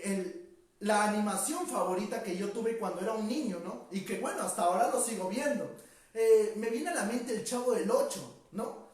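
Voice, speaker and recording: A male teacher giving a vocabulary lecture, stretching out key words for emphasis and ending sentences with quick tag questions. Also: extremely high pitch. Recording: echoey room, distant mic.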